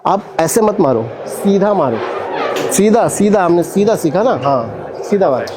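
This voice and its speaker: Brief: male acting coach, high animated voice, energetic drill calls in a studio class. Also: unhurried, crowd noise, noisy background. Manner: energetic, counts and calls out corrections. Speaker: acting instructor. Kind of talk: coaching a stage-fight drill.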